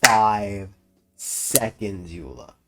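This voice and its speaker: A young gaming streamer reacts to a game with casual, amused playthrough commentary packed with slang and swearing. His lowish voice draws out words, the recording is very noisy, and faint game music plays behind him.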